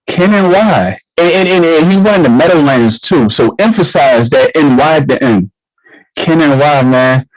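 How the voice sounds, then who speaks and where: A man hosting an online league talk show, talking in an animated, slangy way and repeating himself as he builds hype. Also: fairly high pitch, normal speed, few pauses, dry recording, poor audio. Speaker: show host.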